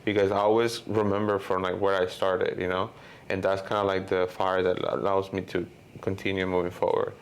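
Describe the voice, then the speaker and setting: Interview guest, man from Honduras, 30s: deep gravelly voice, casual and rambling. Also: monotone, fairly quick. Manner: rambling, lots of "you know" and "like" fillers. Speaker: guest filmmaker.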